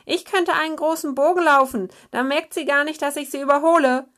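Woman playing a high, rushed storybook snow hare, jittery, uneasy, brave. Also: fairly even intonation, fairly bright tone. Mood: nervous. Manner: quick, uneasy. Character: nervous but brave male snow hare.

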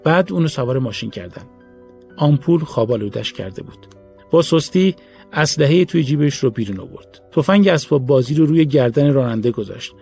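A man reading a story aloud in a steady, measured audiobook narration. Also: medium pitch, gravelly, soft background music.

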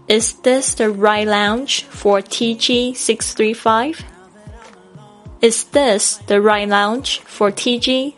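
Here an English teacher and podcast host from Taiwan speaks in a mid-range voice with a Taiwanese Mandarin accent. She keeps her podcast lesson conversational and explanatory, spelling out words one letter at a time.

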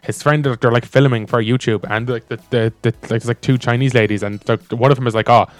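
A man co-hosts a casual chat, rambling as he retells and reads stories, with lots of fillers, especially "like." His medium-pitched voice has fairly even intonation and a fast pace. The sound is dry with no echo, and soft music plays in the background.

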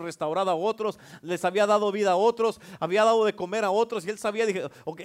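A man preaching a sermon, building from calm Bible reading to fervent, shouted exhortation. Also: high-pitched. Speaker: pastor.

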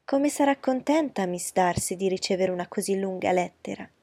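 A woman voicing a gushing, flattering society lady. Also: mid-range voice, moderate pace, vocal fry, no echo. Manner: eager, flattering, insistent.

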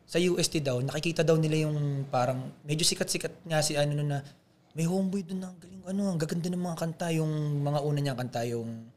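A young man with a voice sitting a little above the usual male pitch, talking as a podcast guest. He rambles in a loose, animated, casual way. His talk is heavy with slang fillers. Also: a little fast, slight background noise. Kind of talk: casual storytelling chat.

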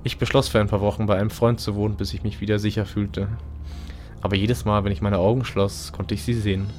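A man reading a first-person horror story aloud for a podcast, in an even, low-key storytelling manner. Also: fast talker, slight background noise. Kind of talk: scripted horror narration.

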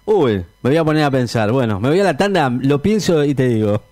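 A man with a Rioplatense accent hosting a radio show, playful and animated. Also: medium pitch, fairly quick, no echo, clean studio sound. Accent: Rioplatense Spanish. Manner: animated, playful, laughing along. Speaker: radio host. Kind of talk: comedic radio chat.

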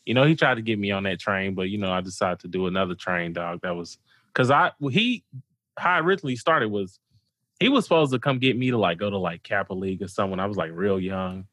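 An American man hosting a podcast, chatting casually in a slangy, informal way with animated reactions. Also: deep voice, fast talker, no echo, studio quality. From St. Louis area, United States. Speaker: podcast host. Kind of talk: casual chat.

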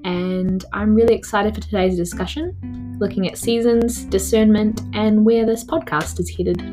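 A woman from New Zealand with a New Zealand accent hosts a casual solo podcast in an informal way, her voice slightly hoarse and giving out. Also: mid-range voice, steady tone, moderate pace, over music. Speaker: podcast host.

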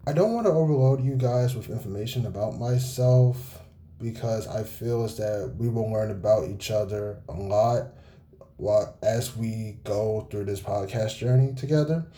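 A nineteen-year-old man hosting a casual solo podcast, talking in a laid-back monotone with many fillers and pauses, recorded on a cell phone. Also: fairly low pitch. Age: young adult. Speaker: podcast host.

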